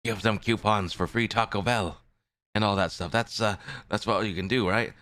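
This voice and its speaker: Deep-voiced, bright male livestreamer. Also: fairly even intonation, normal speed, no room sound, clean studio sound. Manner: rambling, repeats phrases. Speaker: live streamer, VTuber host. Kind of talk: casual livestream chat with viewers.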